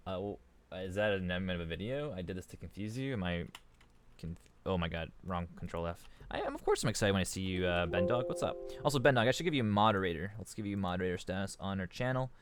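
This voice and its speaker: A man's voice: deep voice, sing-song, fast. A man rambling casually on a live stream, restarting his sentences and reading chat aloud into a desk microphone.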